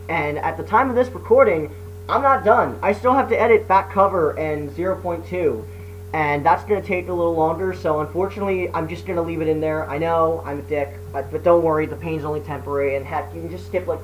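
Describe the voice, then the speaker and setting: A man speaking casually and apologetically to viewers as a video creator, hesitant, sweary and self-deprecating. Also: fairly high pitch. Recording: noisy hum, poor microphone.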